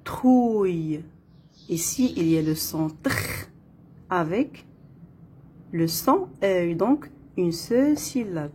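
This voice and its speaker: A woman with an Arabic accent teaching French phonics, repeating each word slowly and counting the syllables. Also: lowish voice, big pitch swings, darkish tone. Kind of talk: slow, deliberate phonics lesson. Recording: faint background noise.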